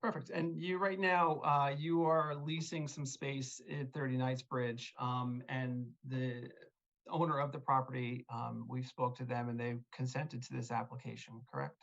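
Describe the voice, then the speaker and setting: Speaking for the applicant at a video-call zoning hearing, this attorney has a mid-range, gravelly voice with a fairly bright tone. His delivery is flat and unhurried, courteous but tentative and full of fillers, all captured in dull, low-fidelity call sound.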